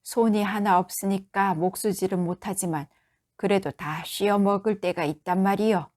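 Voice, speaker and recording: A woman voicing a loud, drunk one-armed middle-aged father who scolds in a Gyeongsang accent. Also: mid-range voice, steady tone, normal speed, natural voice. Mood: drunken scolding. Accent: Gyeongsang dialect. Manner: shouting, slurred scolding.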